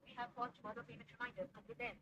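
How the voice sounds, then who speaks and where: A woman's voice: on the high side, flat delivery, rapid-fire. A synthetic woman's voice making a polite scripted payment reminder call, heard over a phone on speakerphone. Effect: played over a phone on speakerphone. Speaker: automated payment reminder caller. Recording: phone speaker with noise, off-mic.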